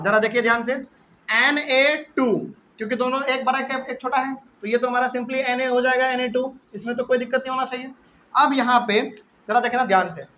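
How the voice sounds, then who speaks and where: A young man teaching chemistry to a class, repeating key terms slowly and often checking in with his students. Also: very high-pitched, pushed and bright, a little hiss or hum. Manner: repetitive, drawn-out, checks in with students. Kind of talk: classroom lecture. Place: classroom with live and online students.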